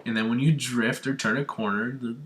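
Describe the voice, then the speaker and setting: A young man from Arizona recapping a gaming showcase on his vlog, talking with gushing, excitable fan enthusiasm. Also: medium pitch, fairly quick, a little hiss or hum. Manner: gushing, breathless fanboy enthusiasm. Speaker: gaming vlogger. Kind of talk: excited video game recap.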